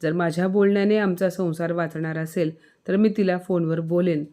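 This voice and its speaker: A woman's voice: lowish voice, steady tone, moderate pace, dark tone, natural voice. A woman voicing a hurt, angry young husband in a spoken story.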